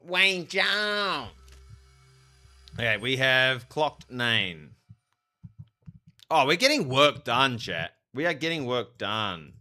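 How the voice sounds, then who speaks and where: A man with a bright, forceful voice and a pronounced lisp from a dental retainer. He talks casually to his livestream chat, animated and slangy, while he plays a game. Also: mid-range voice, slow pace. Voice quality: lisp, made stronger by a new retainer. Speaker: live streamer, theologian.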